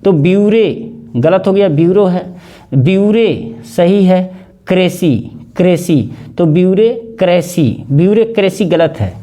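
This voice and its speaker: A man with a Hindi accent teaching English spelling, slowly repeating each word and spelling it out letter by letter. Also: high-pitched, animated, warm tone. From India. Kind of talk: spelling lesson, explaining word by word.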